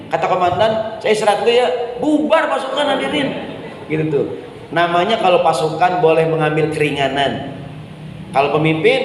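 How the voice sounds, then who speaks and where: A man delivers an easygoing evening sermon, his voice sitting a touch high. He speaks conversationally, constantly addressing the congregation and asking whether they agree. The recording is very echoey, with a long mosque-hall reverb and a faint hiss underneath. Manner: conversational, often addresses the congregation and asks "right or not?". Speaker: preacher.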